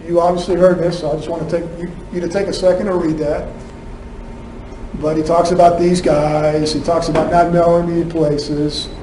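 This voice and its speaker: A man's voice: high-pitched, dark tone. A man giving a prosecutor's closing argument in a courtroom, arguing point by point and firing rhetorical questions at the jury. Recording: echoey courtroom, distant mic, faint room noise.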